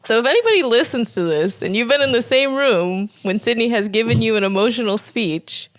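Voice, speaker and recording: A woman's voice: a little high, lively intonation, a little fast. A woman co-hosting a casual podcast chat with her husband, teasing him in a playful way. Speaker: podcast co-host.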